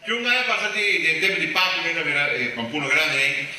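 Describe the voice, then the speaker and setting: A fairly high-voiced man tells stand-up stories from a stage, animated and quick to slip into shrill character voices. He sounds far from the mic in a very echoey room, with steady background noise. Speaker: stand-up comedian. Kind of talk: stand-up comedy storytelling. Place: live stage with audience. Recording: echoey distant live room recording. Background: audience laughter.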